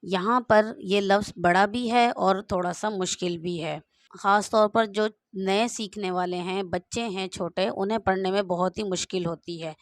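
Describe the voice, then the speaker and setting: A woman's voice: mid-range voice, steady tone, moderate pace, dry recording. A woman teaching Quran reading, patiently spelling out each word letter by letter and repeating it. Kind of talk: slow step-by-step recitation lesson.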